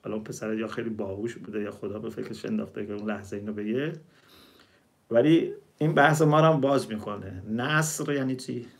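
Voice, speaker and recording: Male preacher, storytelling sermon, slow recitations. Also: fairly low pitch, fairly even intonation. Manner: explains word meanings, recites verses slowly.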